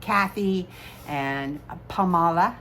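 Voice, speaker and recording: A woman's voice: lowish voice, slow, a bit bright, a little hiss or hum. A woman in her sixties, slightly tipsy, chatting casually and ramblingly as a vlogger. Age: 60s. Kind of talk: casual chat.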